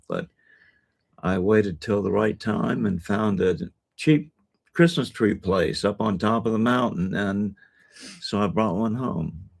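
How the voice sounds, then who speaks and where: A man's voice: lowish voice, vocal fry. A man hosting a casual chat, talking in a laid-back, hesitant way. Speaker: host.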